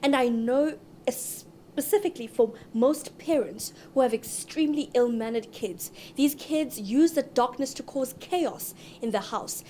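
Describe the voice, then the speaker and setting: A woman speaks as an expert, earnest and explanatory. Her voice is high yet mellow, with a faint hiss behind. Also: unhurried. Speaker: interviewed expert.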